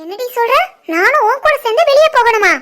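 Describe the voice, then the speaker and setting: Woman playing a shrill, very high, scolding mother-in-law, Tirunelveli Tamil accent, cartoon family drama. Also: a little fast, fairly bright tone. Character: scolding proud middle-aged mother-in-law. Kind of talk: animated family story voice acting.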